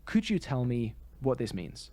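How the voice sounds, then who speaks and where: Creaky and darkish, this podcast co-host's medium-pitched voice swings widely in pitch, and he speaks a little slowly. He gives articulate, opinionated commentary in a casual theatre discussion.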